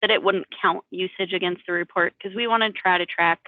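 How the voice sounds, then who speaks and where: A woman's voice: fairly low pitch, fairly even intonation, a little fast, no echo. A woman attending a meeting over a video call, asking questions in a casual, slightly hesitant way. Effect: heard over a video call. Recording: thin, phone-like call audio.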